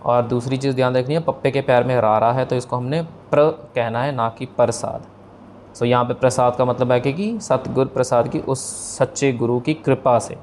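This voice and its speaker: A man's voice: mid-range voice, fairly even intonation, darkish tone, slight background noise. Patient man teaching scripture pronunciation. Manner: patient, slow demonstrations of pronunciation; mixes English words into explanations.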